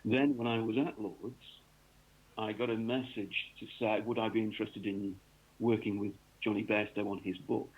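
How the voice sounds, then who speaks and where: Over a tinny phone line, a cricket author from North East England rambles through his work in a radio interview, full of ums and restarts. His husky, lowish voice keeps a fairly even intonation at a moderate pace.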